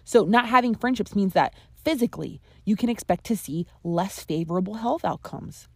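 A woman's voice: mid-range voice, animated, normal speed, vocal fry, breathy edge, no echo. A young adult woman hosting a podcast, talking earnestly and conversationally with playful emphasis. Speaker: podcast host. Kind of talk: solo podcast talk.

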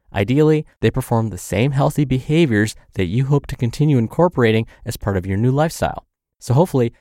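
Here a man with a mid-range, darkish voice narrates a scripted health advice podcast, addressing the listener directly. His manner is cheerful, neat and instructive, and the recording is clean and dry, made in a studio.

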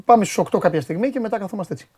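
A man's voice: high-pitched, dark tone, slightly rough. A man hosting a sports show, bantering and teasing his co-host in a TV studio. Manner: teasing, playful.

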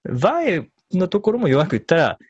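Man, husky, animated intonation, relaxed interview guest recounting his learning. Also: high-pitched, moderate pace, dry recording, lo-fi sound. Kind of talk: conversational interview.

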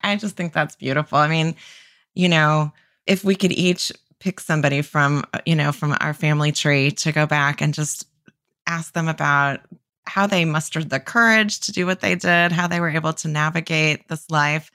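A woman hosting a podcast interview, enthusiastic and quick to praise her guest. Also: low voice, steady tone, fairly bright tone, no echo, clean studio sound. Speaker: podcast host.

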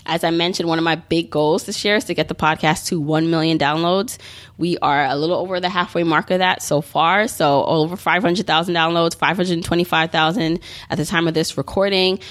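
A woman in her thirties hosting her own podcast, talking in a chatty, upbeat and encouraging way with plenty of "like" and "you know". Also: sits low. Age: 30s. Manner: chatty, upbeat, motivational, many fillers. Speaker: podcast host. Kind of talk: solo podcast monologue.

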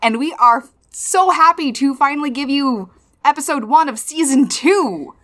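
A woman's voice: sits high, lively intonation, moderate pace, fairly bright tone. A woman co-hosting a podcast, chatting and telling stories casually in a silly, self-mocking way. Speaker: podcast co-host.

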